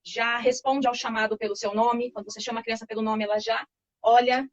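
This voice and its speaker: A woman, calmly explaining baby development as an interview guest, reassuring and patient, often checking in with tag questions. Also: a little high, fairly quick, no echo. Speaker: child development expert guest. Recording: slightly muffled lo-fi recording.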